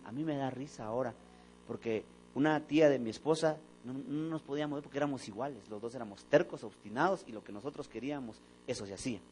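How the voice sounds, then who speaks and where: In a church sanctuary, a pastor preaches a sermon, telling stories animatedly and acting out the dialogue. His voice is medium-pitched, and the low-quality recording carries a little hiss or hum.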